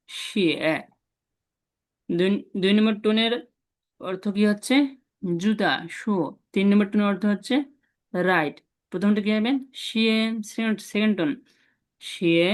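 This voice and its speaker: A man teaching a Chinese class online. He repeats syllables slowly and asks his students questions as he goes. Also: sits high. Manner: drills syllables slowly, repeating them often.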